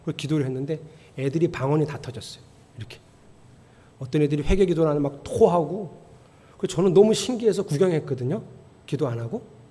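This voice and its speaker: A middle-aged man preaching a sermon as pastor, telling stories with animation and building to emphatic, near-shouted appeals. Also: a little high, fast, pauses often. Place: church sanctuary. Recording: long church hall reverb.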